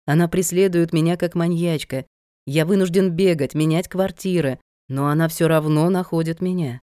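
A woman's voice: fairly low pitch, moderate pace, warm tone, dry recording, clean studio sound, lightly acted. A woman voicing a manipulative man who talks down to his fiancée in a coaxing, condescending way, in an audiobook reading.

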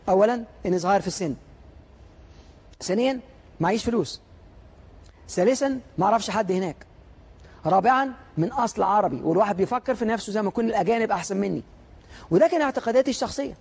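Fast, husky Egyptian man lecturing. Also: high voice. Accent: Egyptian Arabic. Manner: animated storytelling, rhetorical questions to audience. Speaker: motivational lecturer. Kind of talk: motivational lecture.

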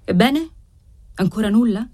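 A woman's voice: a little high, lively intonation, unhurried, a little mellow. A woman reading the part of a proud, obsessive older nobleman who questions and commands. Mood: demanding. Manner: demanding, interrogating. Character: proud older male aristocrat, obsessive and harsh.

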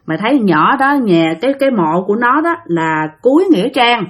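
A woman's voice: on the high side, sing-song, a little fast. A woman with a Southern Vietnamese accent voicing a blunt man who lives in a cemetery, speaking offhandedly. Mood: dismissive. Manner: offhand, brushing off fear. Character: male cemetery resident, blunt and reassuring.

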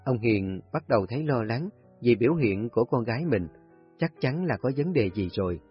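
Husky man narrating a story. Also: medium pitch, moderate pace. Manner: calm, steady storytelling. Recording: husky voice, dull lo-fi audio, faint music.

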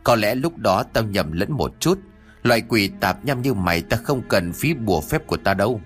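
A cruel old sorcerer sneers in a dropped, gruff register, as a man puts him on. The pitch of his lines swings widely, and faint music plays behind the storybook reading. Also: lively intonation, normal speed, natural voice. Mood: sneering. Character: cruel old male sorcerer, scornful then groveling.

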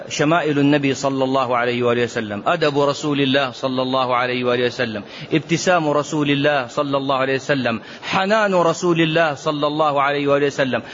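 A middle-aged man, a sheikh giving a religious lesson and answering questions in an animated way, full of rhetorical questions and mock dialogue. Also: fairly high pitch. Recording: dull lo-fi recording with faint hiss.

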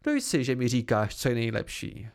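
A man reading the part of a stern, demanding female combat teacher who lectures in sharp questions. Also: medium pitch, huge pitch swings, creaky, pitched below the performer's own voice. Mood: stern lecturing.

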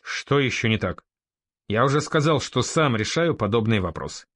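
A blunt, sharp-tongued young raider chief, voiced by a man reading an audiobook, answering in short, curt phrases. His pitch moves in lively swings. The reading sounds close and dry. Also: normal speed, no room sound. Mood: brusque. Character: bold, blunt young male raider-merchant leader.

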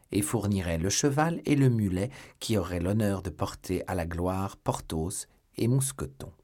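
A man narrating a classic novel as an audiobook, reading in a measured, expressive way. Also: sits low.

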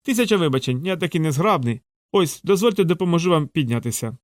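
A man's voice: a little high, animated, fast, no room sound, studio quality, voice pushed up, close to an everyday voice. A man voicing a ragged young man who gushes exaggerated apologies. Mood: apologetic. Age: young adult. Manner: over-apologetic, gushing. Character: young ragged man, fawning and falsely clumsy.

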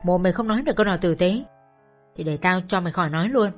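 A woman's voice: on the low side, a little fast, soft background music, lightly acted. A woman voicing a furious, hot-tempered young man. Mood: enraged. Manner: furious, cursing through gritted teeth. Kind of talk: audiobook story reading.

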